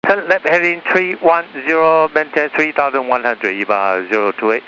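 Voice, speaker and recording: A man's voice: a little high, normal speed, sharp tone. A man speaking as an airline pilot, giving clipped readbacks over an aircraft radio. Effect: aircraft radio transmission. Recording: muffled radio with clear cockpit noise.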